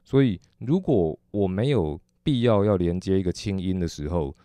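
A man with a Taiwanese Mandarin accent teaching drumming technique, explaining patiently and methodically with frequent soft "oh" fillers. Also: low-pitched, animated, normal speed, clean tone, no echo. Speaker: drum teacher. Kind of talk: instructional explanation.

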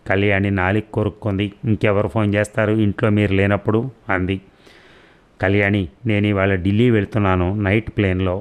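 A man reads a long story aloud at an even storytelling pace. His voice sits a little low, and he speaks every character's lines without putting on separate voices. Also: brisk, clear, resonant tone. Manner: reads all the characters' dialogue in his own voice. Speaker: narrator. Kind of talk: storybook narration.

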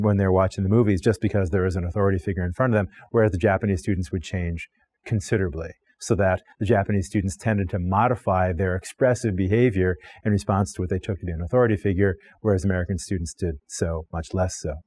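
A man's voice: low-pitched, fairly even intonation, quick pace, a little mellow. A middle-aged man explaining ideas in a recorded online course lecture, talking freely with frequent restarts and repeated words, filmed in a studio. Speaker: philosophy lecturer. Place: studio with plain backdrop.

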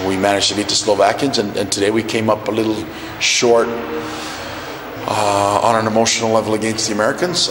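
A middle-aged man, a national team coach, giving a measured postgame interview in an arena press area and often repeating words as he searches for phrasing. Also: lowish voice. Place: indoor arena press area by a sponsor wall. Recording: echoey arena hall with noise.

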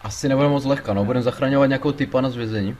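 A man giving casual gameplay commentary, excitable, swearing a lot and panicking loudly when things go wrong. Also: mid-range voice. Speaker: let's play gamer.

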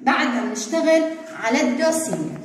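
A woman's voice: high voice, very animated, brisk, a little hiss or hum. A woman teaching first graders, drawing out syllables in a sing-song way. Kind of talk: online classroom lesson. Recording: very echoey hall-like room.

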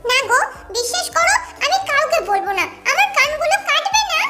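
Brief: woman playing a bratty little village girl for an audio story, very high pitched, music bed behind. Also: sing-song, brisk. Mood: pouty childish. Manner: pouting, scolding, childish. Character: feisty chatty twelve-year-old village girl. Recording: background music under the voice.

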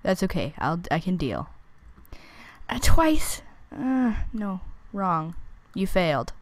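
A woman's voice: on the low side, a little slow, no echo. Chatty young woman narrating her gameplay. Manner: chatty, self-answering, teasing the game's monsters, squealing when excited. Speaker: let's play gamer. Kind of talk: casual gameplay commentary.

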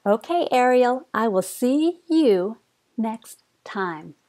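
A middle-aged woman teaching young children, speaking in an exaggerated, sing-song way as if reading to a toddler, with simple drawn-out words. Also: fairly high pitch. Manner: animated praise and gasps.

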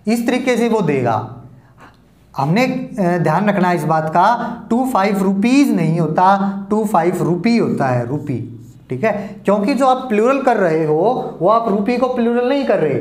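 A man's voice: high-pitched, big pitch swings, measured pace, darkish tone. Man teaching grammar patiently. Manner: patient, repeats points, addresses students as "beta". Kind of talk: classroom lesson explaining at a board. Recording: echoey room.

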